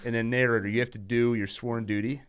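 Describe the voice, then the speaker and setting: A man gives wry, jokey commentary while reading through an old horror comic with friends. His voice has a plain middle pitch and a casual, self-mocking delivery. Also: level tone, fast, smooth. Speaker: comic reader.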